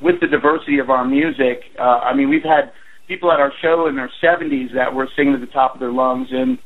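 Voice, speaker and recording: A man's voice: mid-range voice, fast talker, a little hiss or hum. A man in his forties, a band's drummer, talking earnestly with lots of fillers as a guest on a radio interview. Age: 40s. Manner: rambling, earnest, with many fillers. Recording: tinny phone line.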